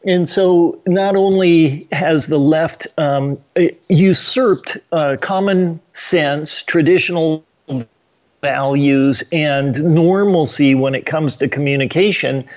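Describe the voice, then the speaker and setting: A man speaking as a guest on a political radio show, halting and stuttering with many restarts. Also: on the high side. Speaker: state senator, radio guest. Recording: muffled lo-fi line.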